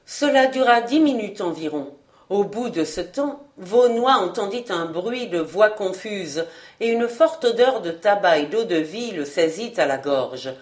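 A woman's voice: medium pitch, expressive, a little slow. A woman narrating a classic adventure novel as an audiobook reader, reading expressively.

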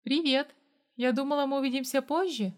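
Woman voicing a gentle, tired woman doctor. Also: high voice, a little fast, pitched above the performer's own voice, close to an everyday voice. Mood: soft.

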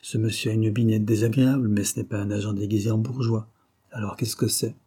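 A man's voice: fairly low pitch, little pitch movement, fast, warm tone, husky. A man voicing a sceptical young painter who dryly chides his friend. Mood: chiding.

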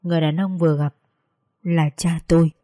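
Warm-voiced woman narrating a sad story. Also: low voice, steady tone, normal speed, dry recording, studio quality. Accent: Northern Vietnamese.

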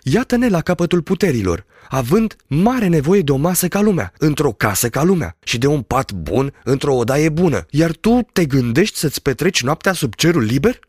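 A man's voice: fairly high pitch, sing-song, few pauses, a little mellow, breathy edge, no echo, studio quality. A man doing a frightened fussy old-fashioned doctor. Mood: protesting. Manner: anxious, pleading, exclaiming. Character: fearful fussy male village doctor, tired. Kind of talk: audiobook character voice.

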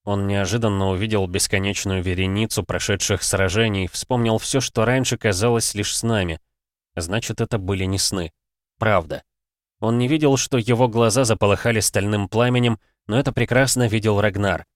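A man narrating an audiobook in a steady, dramatic storytelling manner. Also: lowish voice, normal speed, no room sound, clean studio sound.

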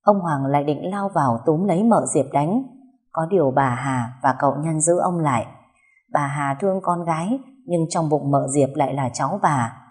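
Low-voiced woman narrating a story. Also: moderate pace, darkish tone.

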